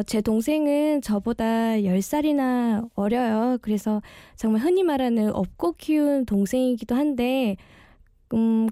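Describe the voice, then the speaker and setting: A woman's voice: on the high side, mellow, dry recording, clean studio sound. A woman in her early thirties hosting late-night radio as an amateur guest DJ, bashful and sincere, with slightly slurred articulation from dental braces. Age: early 30s. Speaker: one-day guest radio DJ. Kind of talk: late-night radio talk, personal monologue.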